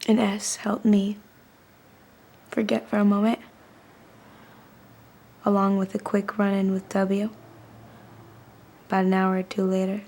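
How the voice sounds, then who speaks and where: A woman's voice: mid-range voice, completely flat delivery, unhurried, long pauses, darkish tone. An actress playing a young woman soldier remembering her last day at a checkpoint, wry and worn. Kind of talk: dramatic monologue.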